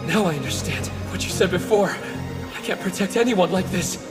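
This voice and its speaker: A man's voice: sits high, normal speed, loud music behind the voice, natural voice. A man voicing an earnest, unsure young hero in an anime English dub. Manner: earnest, hesitant and awkward.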